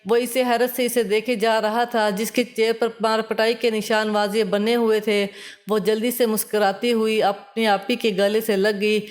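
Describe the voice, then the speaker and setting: A woman narrating an emotional moral story in a steady, even reading voice. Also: medium pitch.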